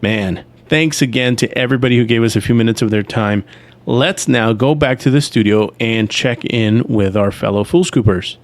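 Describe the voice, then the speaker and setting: A man hosting a casual podcast chat in a studio, talking in a laid-back, halting way with many fillers. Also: mid-range voice, slight background noise. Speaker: podcast host.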